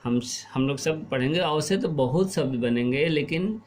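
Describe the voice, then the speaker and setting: Slow, patient male teacher. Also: on the high side, a little mellow. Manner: slow and explanatory, asks questions and repeats answers. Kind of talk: classroom lesson.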